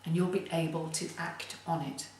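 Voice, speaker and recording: A woman giving a motivational tip as a creativity coach, speaking in a deliberate, emphatic way. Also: low voice, little pitch movement, darkish tone. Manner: slow, deliberate, emphatic delivery. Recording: very echoey room, distant mic.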